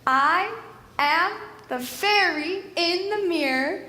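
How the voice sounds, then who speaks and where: Young actress as a bossy mirror fairy, high and theatrical, in a reverberant hall. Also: female voice, slow pace, bright, forceful tone, slight background noise, full character voice. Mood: gentle. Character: brisk, vain, scatterbrained female fairy in a mirror. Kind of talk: school stage play. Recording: roomy stage hall with music.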